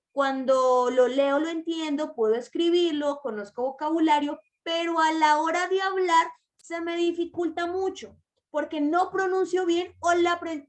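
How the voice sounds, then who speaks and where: A high-voiced woman whose first language is Spanish gives an online masterclass lecture as an early-childhood language teacher. She explains slowly, stresses her words, and speaks directly to mothers.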